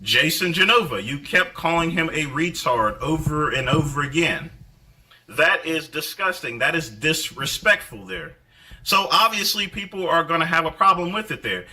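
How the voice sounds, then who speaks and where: A man from North Carolina rants straight at the camera in a combative, scolding voice. His tone is piercingly bright and sits a little high for a man. He keeps tacking a stray "there" onto his sentences. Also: normal speed, poor audio. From North Carolina, USA. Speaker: online commentator. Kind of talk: angry direct-to-camera rant.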